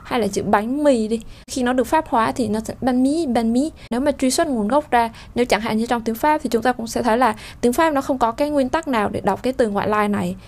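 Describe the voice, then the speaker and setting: A woman teaching French pronunciation, explaining slowly with fillers and sounding out vowels. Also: a little high. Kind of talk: spoken lesson.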